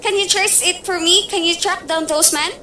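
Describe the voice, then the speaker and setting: Radio-play role: a fretful, demanding bedridden lady, read by a woman, high and shrill. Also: fairly even intonation, normal speed, bright, forceful tone, a little hiss or hum. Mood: alarmed. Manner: shrill, impatient, fretful pleading. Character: nervous bedridden wealthy woman, demanding and frantic. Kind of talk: amateur radio play acting.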